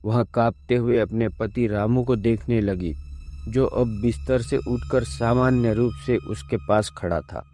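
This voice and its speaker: A man narrating a scripted horror story in a measured, ominous way. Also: mid-range voice, dark tone. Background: faint music.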